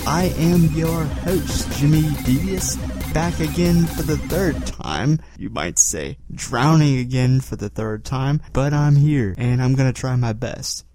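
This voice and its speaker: A man's voice: mid-range voice, a little slow, over music. A man hosting a podcast solo, talking casually in a rambling, self-deprecating way. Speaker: podcast host.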